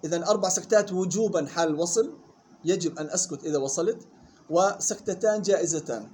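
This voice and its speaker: A man teaching Quran recitation rules to students in a room. He reads the rule text slowly and then explains it in quick colloquial talk. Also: sits high, mellow, a little hiss or hum. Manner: drills syllables slowly and questions students. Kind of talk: classroom lesson explaining a text.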